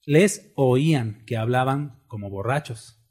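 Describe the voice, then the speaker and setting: Husky man preaching. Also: medium pitch, slow, darkish tone. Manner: conversational preaching, rhetorical questions to the congregation. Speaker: pastor. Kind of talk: sermon.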